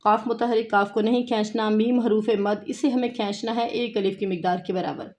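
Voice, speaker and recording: A woman with a Pakistani Urdu accent teaching a tajweed lesson, slowly reciting verses word by word and patiently explaining the pronunciation rules. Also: a little high, steady tone, darkish tone.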